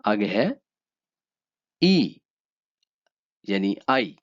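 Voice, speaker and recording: Male tutor with an Urdu accent, low voice, slow deliberate delivery, muffled lo-fi recording. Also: lively intonation. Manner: slow, repeats each letter twice. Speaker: language teacher. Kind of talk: slow spoken lesson. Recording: dull lo-fi sound.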